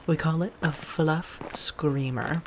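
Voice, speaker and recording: In a soft-spoken ASMR audio roleplay, a woman plays a low-voiced, affectionate female vampire chatting quietly and slowly with her roommate. Gentle, chatty, teasing and enthusiastic, she slips into soft murmurs and breathy, hushed asides over faint background noise.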